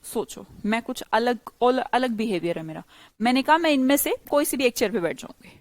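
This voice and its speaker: A woman from India teaches a live English grammar class in a fairly high voice, explaining with energy and teasing her students with rapid-fire questions. The recording is dry.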